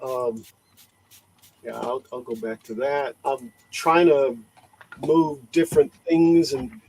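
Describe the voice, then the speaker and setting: A man's voice: medium pitch, takes it slowly, creaky, a little mellow, a little hiss or hum, low-quality recording. A man from Chicago with a Chicago accent, hosting a casual livestream chat, who stumbles over and repeats his words and laughs often. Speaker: livestream host.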